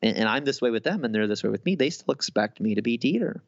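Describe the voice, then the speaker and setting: A man's voice: mid-range voice, lively intonation, fast, dry recording, lo-fi sound. A man in his thirties, a guest in a casual interview, talking in a rambling way with many restarts and fillers. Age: 30s. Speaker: guest author.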